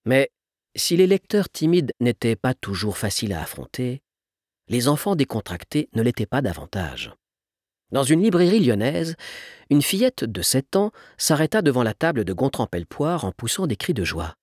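A man narrates a storybook with lively, expressive intonation that rises and falls widely. His voice sits at an ordinary pitch. The recording is dry and close. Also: normal speed, no echo. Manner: expressive, animated reading. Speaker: audiobook narrator.

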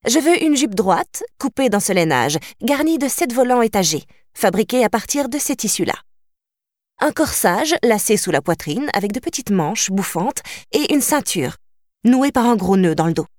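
A woman's voice: fairly high pitch, big pitch swings, normal speed, dry recording, pitched above the performer's own voice. A haughty elder princess, voiced by a woman narrator speaks with cold, scolding command. She gives orders with plain reproach. The storybook recording is dry.

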